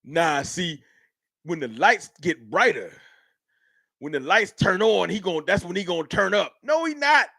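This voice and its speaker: There's vocal fry in this man's high voice, which keeps a measured pace in clean studio sound with no echo. He's a sports fan livestream host from Dallas, Texas, arguing heatedly with his chat in an animated rant.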